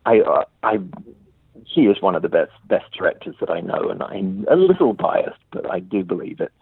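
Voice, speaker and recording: A man's voice: low-pitched, normal speed, vocal fry, slightly rough, no room sound. A male playwright being interviewed, speaking thoughtfully with many restarts over a phone line. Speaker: playwright guest. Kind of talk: interview conversation.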